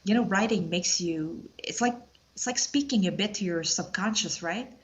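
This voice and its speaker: A woman's voice: medium pitch, moderate pace, lo-fi sound. A woman from Quebec with a Quebec French accent, chatting casually as a podcast guest, hesitant and searching for words. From Quebec, Canada. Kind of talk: casual interview chat.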